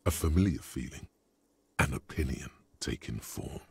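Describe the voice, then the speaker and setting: A man voicing a grave, omniscient inner-voice narrator in a video game, speaking in a slow, ominous and wry way. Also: extremely low pitch, lively intonation, gravelly, slightly rough, no echo, full character voice. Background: music.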